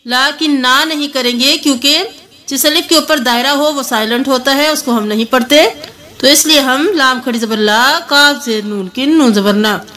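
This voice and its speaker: A woman's voice: sits high, moderate pace, pushed and bright. A woman teaching Quran recitation, spelling out letters and vowel marks one by one and then chanting the words.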